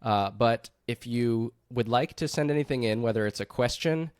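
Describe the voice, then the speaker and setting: A man co-hosting a casual podcast chat, relaxed and leading the talk, often laughing. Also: medium pitch, normal speed, smooth, dry recording, studio quality. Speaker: podcast co-host.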